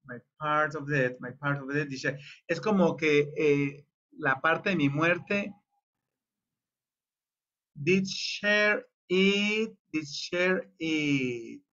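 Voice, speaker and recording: A man leads a choir rehearsal with patient, drawn-out explanations. His voice sits a little high for a man. The recording sounds dull and lo-fi. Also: bright, forceful tone. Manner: explains slowly, sings phrases in falsetto-high demonstrations. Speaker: choir director.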